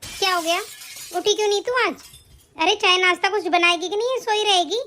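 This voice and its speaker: A woman playing a nagging, very high-pitched mother-in-law. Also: fairly quick, sharp tone, slight background noise. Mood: scolding. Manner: nagging, commanding and scornful. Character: scolding middle-aged mother-in-law, bossy and scornful. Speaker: voice actor in an animated family drama. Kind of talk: animated story voice acting.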